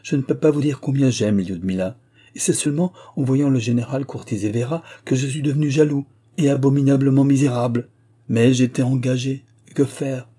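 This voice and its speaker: A man's voice: fairly low pitch, mellow, slightly rough. A man voicing an earnest, flustered young suitor in a storybook reading.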